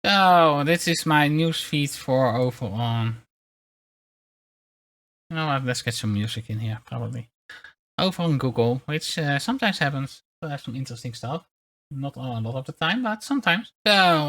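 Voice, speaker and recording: A streamer of unclear sex chatting casually in a hesitant, rambling way and reading bits aloud, with a mid-pitched voice. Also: expressive, normal speed, a bit bright. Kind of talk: casual livestream chat, reading articles aloud. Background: background music.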